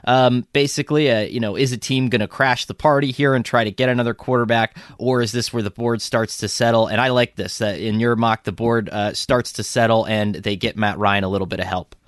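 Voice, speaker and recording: A man's voice: mid-range voice, fairly even intonation, fairly quick, hardly any pauses, no echo, clean studio sound. A man co-hosting a sports podcast in a loose, rambling way, with frequent restarts. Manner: rambling, lots of ums and restarts. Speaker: podcast co-host. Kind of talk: casual sports podcast chat.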